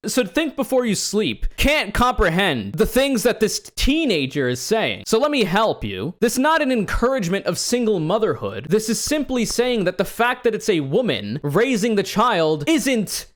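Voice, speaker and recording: High, animated sarcastic man. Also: moderate pace, few pauses. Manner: mocking, exasperated, laughs often. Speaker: reaction streamer. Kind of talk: sarcastic reaction commentary.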